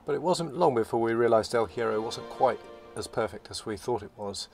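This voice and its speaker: A man narrating his sailing vlog in a relaxed, reflective voice-over, often restarting his phrases. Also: mid-range voice, a little fast, gravelly. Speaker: sailing vlogger. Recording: voice-over with loud music behind.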